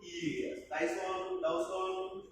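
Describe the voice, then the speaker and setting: A man's voice: very high voice, very animated, extremely slow, recorded from a distance. A male yoga instructor leading a live class, counting poses and calling out breathing cues. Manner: counts poses aloud, mixing in English words. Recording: echoey room recorded from afar with faint noise.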